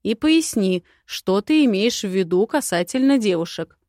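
A dragon prince from an audiobook, calm and firm, settling a quarrel with quiet authority, voiced by a woman. His voice is held level and dry, never rushed. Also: medium pitch, no room sound, close to an everyday voice. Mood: calm, stern.

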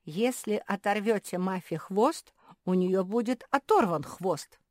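A woman voicing a tiny, gloomy female jerboa in a storybook, with a squeaky, sulky voice. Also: a little slow, no room sound, clean studio sound, lightly acted. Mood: glum.

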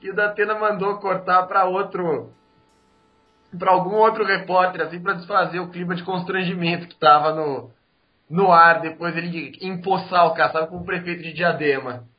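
Brazilian male journalist, high bright voice, halting casual storyteller, soft music behind. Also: steady tone. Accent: Brazilian Portuguese. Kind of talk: casual anecdote telling. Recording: muffled audio with faint music.

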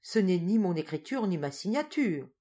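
A woman's voice: on the low side, big pitch swings, moderate pace, warm tone. A woman reading an audiobook voices a smug, deceitful young man who answers in a cool, dismissive way.

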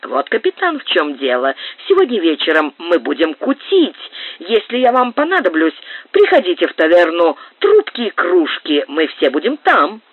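A sly young street urchin talks in a cheeky, higher voice, as a male narrator puts him on. The sound is dry and dull, like an old radio play. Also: huge pitch swings, moderate pace, husky, no echo, full character voice. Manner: cheeky, whispering.

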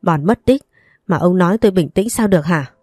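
A woman reading the lines of an angry, grieving grandmother in a storybook reading, accusing and sharp-tongued. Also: fairly low pitch, expressive, fairly quick, husky, dry recording, clean studio sound, soft background music.

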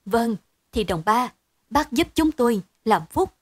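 A woman's voice: fairly high pitch, lively intonation, measured pace, dry recording. A woman doing desperate begging villagers. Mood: pleading. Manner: pleading, imploring.

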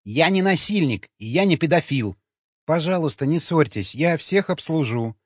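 A man's voice: on the high side, expressive, moderate pace, slightly rough, dry recording, pitched above the performer's own voice. A man voicing a meek naive young woman. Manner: soft, matter-of-fact and docile. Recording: dull lo-fi recording.

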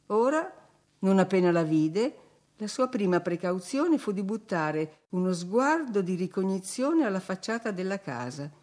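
A woman reading a classic novel aloud as an audiobook in a measured, expressive way. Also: mid-range voice. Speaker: audiobook narrator. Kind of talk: literary audiobook narration.

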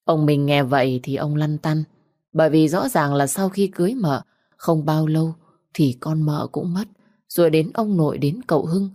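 A woman narrating a melancholy romance story in a steady, somber way. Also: sits low, normal speed, no room sound, studio quality.

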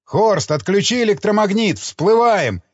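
A man's voice: sits high, lively intonation, a little slow, no room sound, pitched above the performer's own voice. A man reading an audiobook, voicing a short-tempered male helmsman who barks impatient orders, in a slightly muffled dry recording. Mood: urgent shouting.

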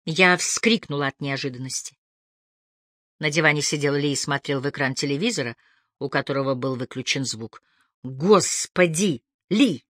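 A woman narrating a first-person story as an audiobook reader, with an expressive delivery that moves between hushed and lifted tones. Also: rumbling low, brisk, no room sound, clean studio sound.

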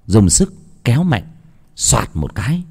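A man's voice: mid-range voice, sing-song, a little slow, creaky, a little mellow, slightly rough. A man from Vietnam narrating a scripted horror story in a dramatic, vivid way.

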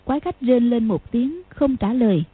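Casting: female audiobook narrator, husky, fairly high, even delivery; tinny phone-like dry recording. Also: moderate pace. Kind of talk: scripted narration.

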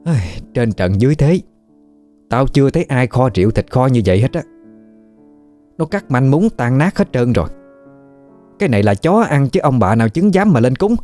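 A man voicing a bossy, scolding older woman healer, raised into a shrill nagging voice. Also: darkish tone, lightly acted.

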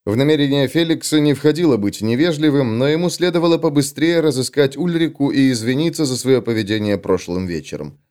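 A male audiobook narrator with a mid-range voice and a very animated, rising and falling delivery. He reads the prose in an expressive, varied way. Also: medium pitch, a little fast, hardly any pauses, smooth.

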